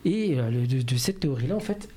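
A man's voice: mid-range voice, lively intonation, fairly quick, dark tone, slight background noise. A man, a radio columnist explaining at length, with many fillers. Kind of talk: radio talk segment.

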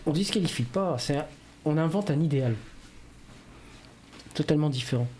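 A man's voice: fairly high pitch, expressive, moderate pace, a little mellow, slight background noise. A man, a radio columnist explaining at length, with many fillers. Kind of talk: radio talk segment.

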